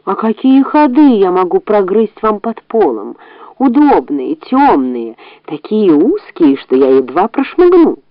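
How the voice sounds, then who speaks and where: A woman's voice: medium pitch, very animated, measured pace, dry recording, dull audio. A woman voicing a sly, boastful old female rat in a storybook reading, wheedling and full of self-praise.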